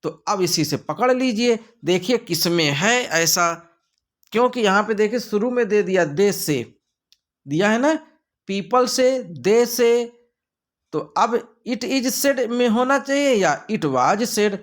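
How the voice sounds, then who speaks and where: High-voiced playful Hindi-accented teacher. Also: male voice, lively intonation, takes it slowly. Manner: playful, theatrical asides. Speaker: English grammar teacher. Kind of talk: online grammar lesson.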